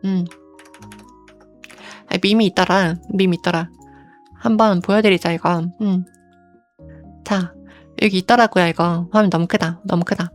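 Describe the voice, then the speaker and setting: A woman streamer chatting casually into a desk mic, her voice sitting a little low. She muses out loud at an easy pace, dropping soft hums between phrases and talking about herself in the third person. Light music plays faintly behind her. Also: steady tone, a little slow, pauses often. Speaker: virtual streamer.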